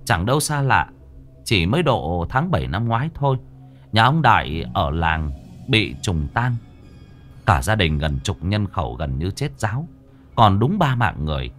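A man narrating a ghost story in a slow, somber way. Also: on the low side, big pitch swings, fairly bright tone. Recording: faint music behind the voice.

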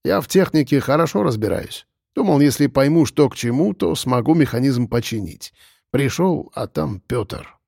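A man reading an audiobook, voicing a calm man who answers quietly, almost in a whisper. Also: mid-range voice, normal speed, creaky, dry recording, studio quality. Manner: soft, hushed, even. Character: calm, quiet southern man under suspicion.

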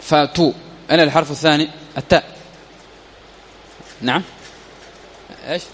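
A man's voice: fairly high pitch, fairly even intonation, normal speed, fairly bright tone, breathy edge, long reverb tail. A man teaching an Arabic grammar lesson. He reads from a text, asks his students questions and repeats points as he explains them. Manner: reads a passage, then explains it with questions and repetition.

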